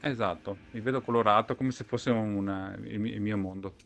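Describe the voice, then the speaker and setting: A man's voice: lowish voice, steady tone, normal speed, fairly bright tone. A man chatting casually as a co-player in a game, with brief, informal remarks. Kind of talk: casual gaming chat.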